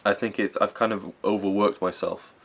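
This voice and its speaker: A man's voice: fairly low pitch, flat delivery, moderate pace, creaky. A young man giving a casual, rambling, earnest film review, swearing now and then and getting openly emotional.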